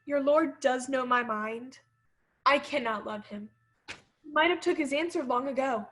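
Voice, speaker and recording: A woman's voice: high-pitched, unhurried, a bit bright. A woman acting a proud young countess, speaking Shakespearean lines in an arch, teasing way. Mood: cool. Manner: arch, teasing verse delivery. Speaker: actor.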